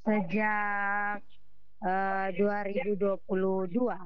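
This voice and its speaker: A woman's voice: medium pitch, level tone, extremely slow, crowd noise. A woman street vendor calling in to a radio interview from the roadside, giving short replies over a choppy phone line that keeps breaking up. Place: roadside outdoors.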